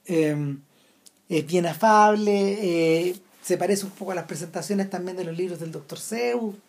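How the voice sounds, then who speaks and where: A woman's voice: on the low side, moderate pace, darkish tone. A woman with a Chilean accent, talking casually about a film, hesitant with many restarts. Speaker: film commentator.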